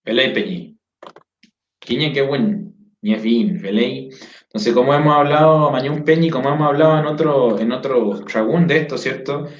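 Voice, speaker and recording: A man's voice: medium pitch, normal speed, a little hiss or hum. Man hosting over an echoey, dull call. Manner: keeps adding tag questions, restarts often. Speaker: host. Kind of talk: casual online interview.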